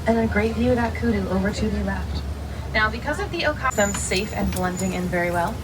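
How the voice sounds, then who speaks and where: A woman's voice: medium pitch, a little fast. A woman working as a safari guide, giving instructive tour commentary to riders on a truck. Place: open safari truck outdoors. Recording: distant, loud truck engine noise. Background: vehicle noise.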